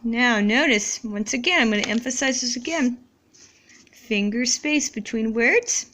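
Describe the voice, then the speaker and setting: A woman teacher slowly modeling how to write sentences for young students, in a deliberate, encouraging classroom manner. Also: a little high, fairly bright tone.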